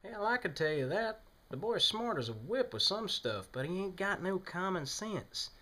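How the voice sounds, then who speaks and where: Brash high-pitched Southern redneck. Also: male voice, big pitch swings, normal speed, pushed and bright, heavily acted. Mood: scornful, folksy. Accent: American Southern. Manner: folksy, heckling, crude. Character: brash, cantankerous Carolina redneck good old boy. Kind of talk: comedy sketch. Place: living room, on a sofa.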